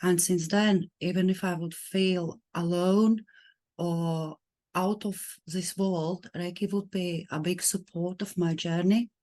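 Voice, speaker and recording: A woman from Latvia with a Latvian accent, earnestly introducing herself on a video call, pausing to search for words. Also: on the low side, fairly even intonation, warm tone. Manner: earnest and searching, with pauses and restarts. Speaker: participant.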